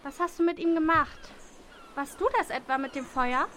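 A woman's voice: high-pitched, moderate pace, a bit bright, slight background noise. A woman playing a timid, anxious young female contestant in an audio drama, hesitant in her speech.

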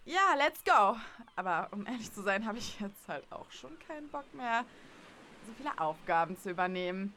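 A woman playing a lively reality show contestant who talks in a casual, slangy way in an audio drama. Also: medium pitch, normal speed, a little hiss or hum. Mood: reluctant. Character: lively, quickly bored female contestant.

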